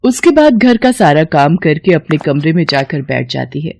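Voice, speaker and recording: A woman narrating an animated moral story in a steady, plain storytelling manner. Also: sits low, moderate pace, gravelly, slight background noise.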